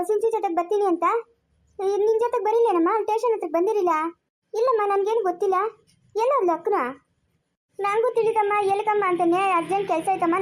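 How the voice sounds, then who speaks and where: A woman playing a fretful village grandmother who scolds and coaxes, speaking with a Chikkaballapur Kannada accent. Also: extremely high pitch. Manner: anxious, scolding, coaxing. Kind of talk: village family drama.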